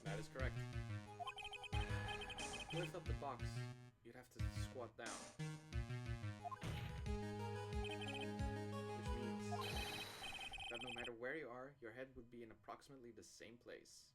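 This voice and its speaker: A woman's voice: a bass voice, normal speed, long pauses. A woman voicing a flustered young male defense attorney in a dramatic reading, with game music behind. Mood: earnest.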